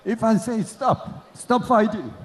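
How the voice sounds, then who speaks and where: A man's voice: high voice, slow pace, slight background noise. A man refereeing boxing, giving pre-fight instructions in short, commanding phrases. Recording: echoing hall microphone.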